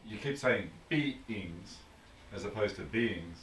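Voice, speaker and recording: A man's voice: fairly low pitch, expressive, moderate pace, fairly bright tone. A man hosting an interview, affirming and curious as he asks questions, on a video call. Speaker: host. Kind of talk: interview conversation. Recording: distant roomy mic with faint noise.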